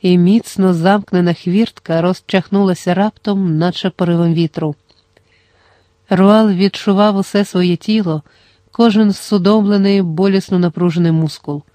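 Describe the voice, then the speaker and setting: Dark-toned audiobook narrator. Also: medium pitch, no room sound. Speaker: audiobook reader.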